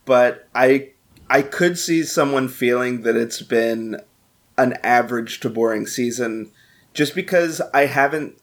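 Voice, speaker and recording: A man on a casual podcast panel, speaking in a measured, thoughtful way. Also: mid-range voice. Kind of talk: casual chat.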